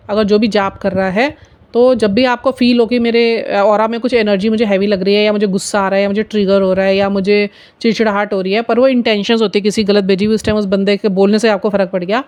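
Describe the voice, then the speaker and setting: A woman's voice: medium pitch, fairly even intonation, fast, a little mellow. A middle-aged woman tells devotional stories of her faith to viewers, earnestly slipping English words into her Hindi. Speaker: spiritual storyteller.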